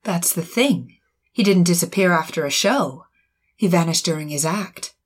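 A woman playing a husky-voiced noir femme fatale. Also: on the low side, animated, normal speed. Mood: cool. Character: glamorous femme fatale woman, pleading and guarded. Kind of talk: noir radio drama acting.

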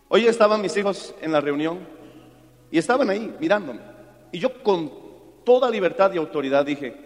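A middle-aged man from Peru preaching a sermon, telling anecdotes and calling his listeners brother. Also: high voice. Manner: storytelling, addresses listeners as brother. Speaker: pastor. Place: church. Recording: long hall reverb.

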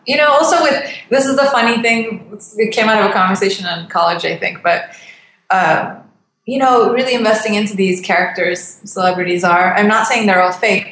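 A woman in her twenties speaks as a podcast guest in casual, thoughtful conversation. She hesitates and laughs often, in a mid-pitched voice. The room sounds echoey, with a faint hum behind. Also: a bit bright. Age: 20s. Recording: roomy with faint ambient noise.

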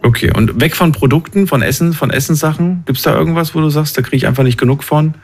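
A man's voice: fairly high pitch, fast. A man in his thirties hosting a call-in show, chatting casually and asking probing questions, often repeating himself as he starts them. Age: 30s. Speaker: radio call-in host. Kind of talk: casual phone-in chat.

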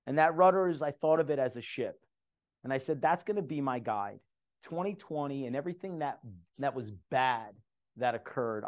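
A middle-aged man giving a personal testimony to a men's group, earnest and conversational, repeating himself for emphasis. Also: mid-range voice.

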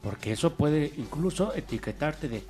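A man's voice: on the high side, lively intonation, moderate pace, over music. A man with a Mexican accent co-hosting a podcast in casual chat, joking and slangy. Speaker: podcast co-host.

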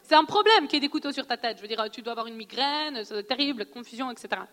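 A woman with a noticeable accent teaching a church audience on prophecy in a conversational, animated way, often laughing and asking questions. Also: a little high, fast. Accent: non-French accent in French. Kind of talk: sermon teaching. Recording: long hall reverb.

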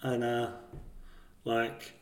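A man with a dry, deadpan wit, chatting on a comedy podcast. He sits back from the microphone, so his voice comes across distant and echoey in the room. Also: medium pitch, drawn-out words. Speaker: podcast co-host. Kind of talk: casual comedic chat. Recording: echoey and set back from the mic.

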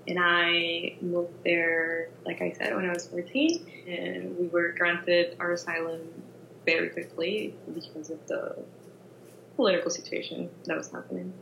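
A woman's voice: fairly low pitch, gravelly, bright, forceful tone, slight background noise. A woman, reflectively answering interview questions. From Venezuela. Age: 20s. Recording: roomy, dull lo-fi audio.

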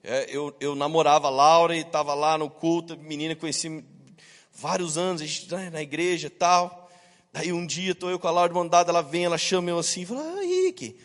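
Guy preaching in church, kinda high voice, long echo, tells stories and does the voices, jokes with the crowd. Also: flat delivery, a little fast, a bit bright. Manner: storytelling, acts out quoted voices; jokes with the congregation. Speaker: pastor. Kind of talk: sermon.

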